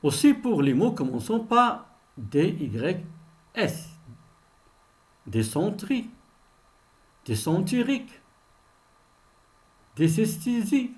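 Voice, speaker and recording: Slow, lively French reading teacher. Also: male voice, high-pitched. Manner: repeats each word twice, explains meanings simply. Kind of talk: slow reading-lesson pronunciation drill.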